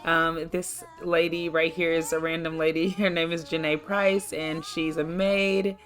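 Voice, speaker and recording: A woman narrating her life-sim gameplay in a casual let's-play style. Her voice is low for a woman, and she talks in a chatty, rambling, upbeat way. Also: little pitch movement, unhurried, a bit bright, soft background music.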